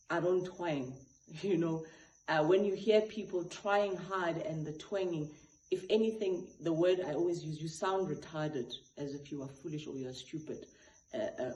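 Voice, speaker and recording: A man's voice: a little high, a little mellow. A South African gospel artist, a man, talking earnestly with many restarts and asides. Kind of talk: reflective talk to camera. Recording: echoey room with faint noise.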